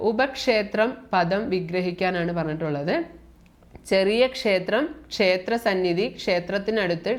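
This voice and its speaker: A woman with a Malayali accent, working as an exam coaching tutor, reads out mock test questions, lists each option and then asks for and confirms the right answer. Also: medium pitch.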